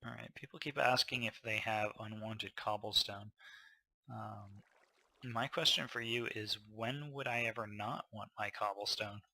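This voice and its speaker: Bright-voiced tired man narrating gameplay. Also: fairly low pitch, measured pace, vocal fry, no room sound. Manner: relaxed, thinking aloud with fillers. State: a little tired. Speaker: gameplay commentator.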